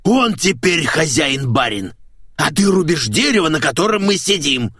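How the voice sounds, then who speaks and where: A man voicing a furious middle-aged chief editor who yells and shrieks at his staff in an audiobook. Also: fairly high pitch, big pitch swings, moderate pace, husky, no room sound, voice pushed up, exaggerated voice. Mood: threatening. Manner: shrieking, yelling.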